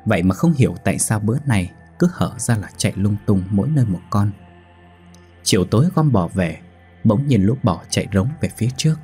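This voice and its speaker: A man who hosts a ghost story channel, narrating a folk ghost tale in a steady, dramatic manner. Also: lowish voice, fairly quick, soft background music. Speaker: storyteller host.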